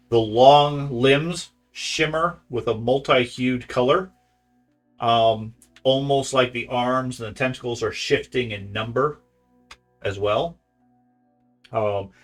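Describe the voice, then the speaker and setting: Slow, bright-voiced male game master. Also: mid-range voice. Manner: halting, pausing between phrases as he describes. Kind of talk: improvised narration of a tabletop fantasy game.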